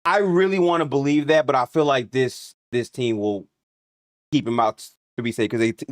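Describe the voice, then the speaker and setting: A relaxed man hosts a sports prediction call, easygoing and slangy, with lots of filler words. His mid-pitched voice sounds close and dry, with no room around it. He talks at an unhurried, conversational pace. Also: no echo. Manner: laid-back, slangy, fills with "uh" and "um". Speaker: host running a group prediction draft. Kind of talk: casual group voice chat.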